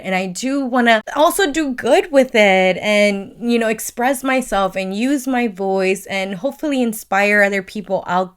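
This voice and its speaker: A woman's voice: medium pitch, smooth. A young woman, crying and talking in a heartfelt personal vlog. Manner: tearful, heartfelt, with many fillers. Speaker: therapist and coach vlogger.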